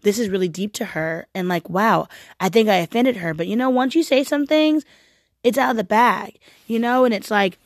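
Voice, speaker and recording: A woman's voice: medium pitch, normal speed, no echo, studio quality. A woman talking casually and heartfeltly about faith and church, often saying "like" and "right?". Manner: heartfelt, animated, frequent "like" and "right?".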